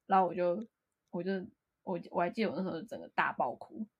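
A young woman co-hosting a casual podcast, telling a personal story with animated emotion. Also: on the low side, fast talker, slightly rough, highs cut off. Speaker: podcast co-host.

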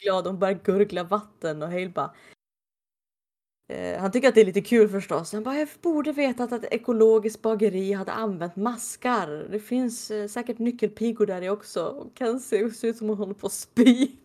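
A woman recounts a TV episode in easy, casual conversation. She slips into the characters' lines with animated little voices, then drops back to her ordinary speaking voice. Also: medium pitch. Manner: animated retelling, acting out quotes. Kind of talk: casual chat retelling a TV episode.

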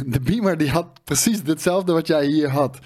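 A man co-hosting a gaming talk show in casual chat, upbeat and chatty, often pausing mid-sentence to find his words. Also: fairly high pitch, darkish tone, breathy edge, no echo, studio quality.

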